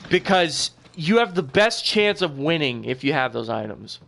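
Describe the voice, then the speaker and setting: A man's voice: a little high, very animated, normal speed, creaky, a bit bright, a little hiss or hum. Chatty young man gaming commentary. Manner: rambling, loose and chatty with frequent "like" fillers; casual swearing. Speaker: gaming channel host. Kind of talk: casual gameplay commentary.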